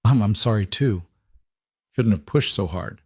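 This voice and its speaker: A man voicing a quiet, steady reformed drifter who speaks low and gently. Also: measured pace, husky, no room sound, clean studio sound, full character voice. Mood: tender.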